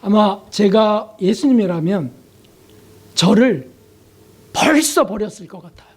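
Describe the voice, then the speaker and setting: A male pastor preaching a sermon, confessional and emotional, with pauses, sudden soft drops and rhetorical questions to the congregation. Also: sits high, lively intonation, breathy edge.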